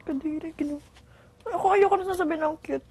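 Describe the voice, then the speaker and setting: A woman's voice: extremely high pitch, quick pace, a little mellow. A young woman vlogger in casual gossip chat, giggling and retelling stories with animation.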